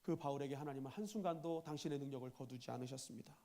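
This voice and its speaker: A man preaching a sermon as a church pastor, speaking emphatically and rising to loud peaks. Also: medium pitch, very fast. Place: church sanctuary.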